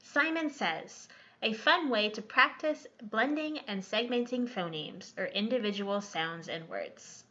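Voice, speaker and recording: A woman reading scripted voice-over narration in a clear, instructive tone. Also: medium pitch, lively intonation, a little slow, sharp tone. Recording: slightly dull lo-fi recording.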